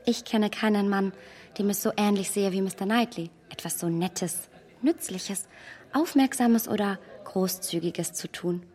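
In a radio play, an actress voices a strong-willed, self-assured young heroine who speaks emphatically yet in a hushed voice. Her natural female voice is medium in pitch and unhurried.

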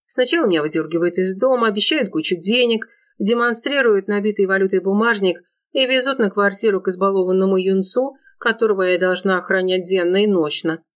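A woman reading a first-person audiobook in an even, wry storytelling manner. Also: mid-range voice, fairly quick, few pauses. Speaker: audiobook narrator.

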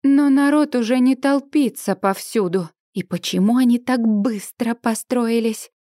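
Audiobook narrator, woman, higher voice, emotive read, dry close studio sound. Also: unhurried, no echo. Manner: emotive, expressive storytelling. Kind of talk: first-person novel narration.

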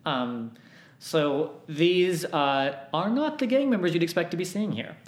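A man's voice: fairly high pitch, lively intonation, unhurried. A man acting as game master for a tabletop role-playing game, talking with many fillers and restarts. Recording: echoey room.

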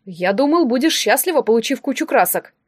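A woman voicing a caring young man who talks in an easygoing, gently teasing way. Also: fairly high pitch, expressive, a little fast, breathy edge, dry recording, studio quality. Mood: concerned.

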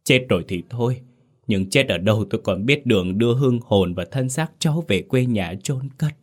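A man's voice: mid-range voice, lively intonation, moderate pace, voice pushed up, close to an everyday voice. A man voicing a grieving middle-aged mother who pleads and wails for her lost son. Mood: begging. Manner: pleading, sobbing and wailing.

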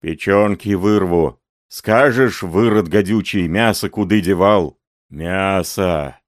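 A man voicing an enraged male villager who snarls out slow, heavy threats, reading a story aloud. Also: deep voice, no echo, clean studio sound. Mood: raging.

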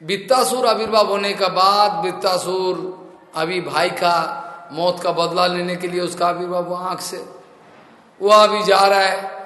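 A male preacher telling a devotional story in a sermon, animated, acting out the shouts of the people in it. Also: sits high. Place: temple hall. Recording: echoey hall recording.

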